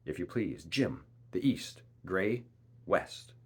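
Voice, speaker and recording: A stern, clipped ship captain, read by a man, barking short orders with cold authority. His voice sits a little above a deep reading voice and comes out firm and loud. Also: expressive, slow pace, slightly rough, exaggerated voice. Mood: commanding. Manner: clipped, commanding. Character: stern, curt middle-aged male ship captain.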